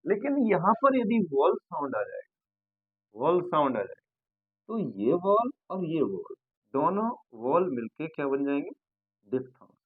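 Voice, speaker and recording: A man teaches an English grammar lesson in a fairly high voice, repeating sounds slowly and patiently for his students. The recording is dry and narrow, like sound over a phone line. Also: big pitch swings, breathy edge, dry recording.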